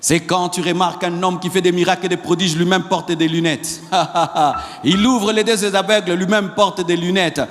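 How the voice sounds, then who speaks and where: A male pastor delivering a sermon, repeating phrases and building up to shouted exhortations to the congregation. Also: high-pitched, steady tone, normal speed, long reverb tail. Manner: repetitive, rising to shouted exhortations.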